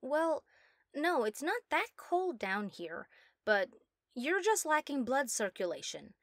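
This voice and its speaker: A woman voicing a proud, giddy young mad scientist obsessed with her work, theatrical and self-satisfied, in a soft ASMR role-play. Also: high-pitched, big pitch swings, slow pace, dry recording, clean studio sound, voice pushed up, heavily acted. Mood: chipper, reassuring.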